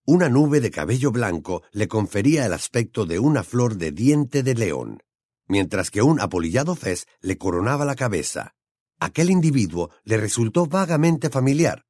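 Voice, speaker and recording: A man reads an audiobook in a steady, expressive storytelling voice of medium pitch. His intonation rises and falls with lively variety. The recording is dry and close, with no room sound. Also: moderate pace, husky, no echo. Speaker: audiobook narrator. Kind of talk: scripted audiobook narration.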